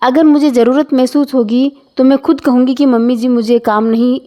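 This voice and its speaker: A woman voicing a calm young working wife who argues her point patiently, in a storybook reading. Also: sits high, moderate pace, lightly acted. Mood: reasoning. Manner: calm, reasoning.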